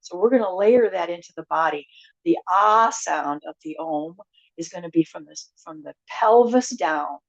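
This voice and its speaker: A woman teaching a chair yoga and meditation class, giving gentle, unhurried cues with soft asides. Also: lowish voice, lively intonation, highs cut off. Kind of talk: guided yoga class instruction.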